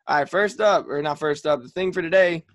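Young man, ranting podcast co-host, a bit high voice, dry close sound. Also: a little fast, dry recording. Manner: ranting, exasperated, sarcastic. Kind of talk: casual sports podcast chat.

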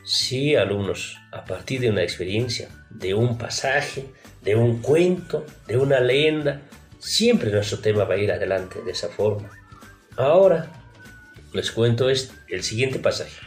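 A male teacher giving a formal lesson who addresses his pupils directly and explains patiently with rhetorical questions. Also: mid-range voice. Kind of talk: recorded classroom lesson. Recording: roomy echo, faint music behind.

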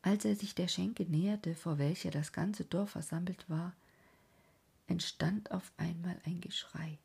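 A woman narrating a classic novel in a slow, earnest way, often sinking into a soft whisper. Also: fairly low pitch, fairly even intonation, vocal fry, slightly rough. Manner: slow, earnest, dramatic phrasing. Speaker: audiobook narrator. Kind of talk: literary reading of a classic novel.

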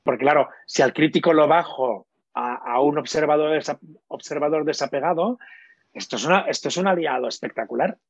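In a dull, lo-fi, dry recording with no echo, a man speaks in a fairly high voice at a slightly quick pace. He is a coach and trainer describing his methods with care in an interview. He frequently hesitates mid-sentence.

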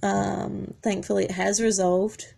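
A woman's voice: mid-range voice, little pitch movement, measured pace, gravelly, dark tone, breathy edge. A woman telling a personal story in a rambling, emotional way, with many restarts. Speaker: horse owner. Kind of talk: casual storytelling.

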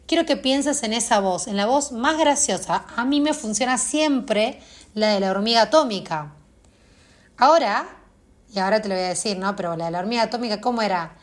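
A woman's voice: on the high side, fairly quick. A woman, hosting and guiding listeners through a self-help exercise, speaking straight to them and asking many questions. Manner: coaching, asks many questions directly of the listener. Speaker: host.

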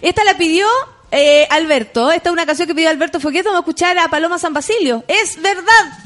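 A woman hosting a morning radio show in a relaxed, chatty way. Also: very high-pitched, quick pace. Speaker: radio host. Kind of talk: casual radio chat.

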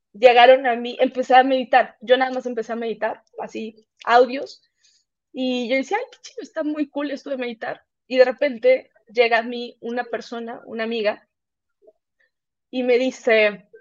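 A woman's voice: on the high side, no room sound, highs cut off. A woman with a Mexican accent, a podcast guest chatting casually and telling stories, acting out what people said. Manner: animated storyteller, acts out quoted speech. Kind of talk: casual chat.

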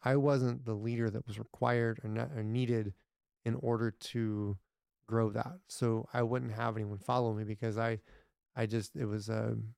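A man's voice: on the low side, little pitch movement, normal speed, creaky, darkish tone, clear, resonant tone, no room sound, clean studio sound. A man talking as a podcast guest in casual interview chat, rambling with many restarts, blunt and sometimes profane.

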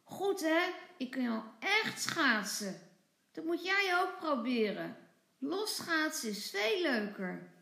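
Woman putting on a bossy proud little girl, high voice, slow and bouncy, roomy sound. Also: sing-song, vocal fry, sharp tone, exaggerated voice. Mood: eager.

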